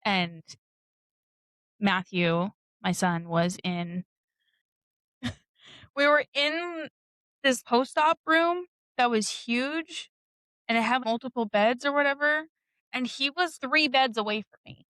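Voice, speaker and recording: A woman's voice: on the high side, slow, pauses often, fairly bright tone, smooth, dry recording, poor audio. A woman co-hosting a podcast, telling a personal story in a candid, blunt way, swearing and laughing often. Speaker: podcast co-host. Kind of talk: casual storytelling.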